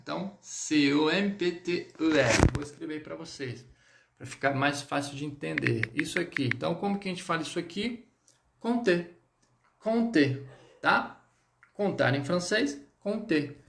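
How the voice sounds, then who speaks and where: Brazilian male French teacher, gravelly voice a bit high, patient live-lesson delivery. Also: fairly bright tone, reverberant, a little hiss or hum. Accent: Brazilian Portuguese. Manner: patient, repeats words slowly, checks in with "tá?". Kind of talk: live online language lesson.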